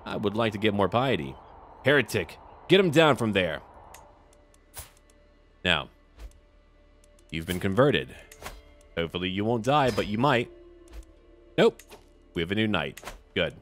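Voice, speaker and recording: A gaming video host talks casually over a strategy game, muttering short remarks to himself and reading bits aloud, with background music behind him. His lowish voice has a fairly bright tone and swings widely in pitch, and he keeps a measured pace broken by long pauses.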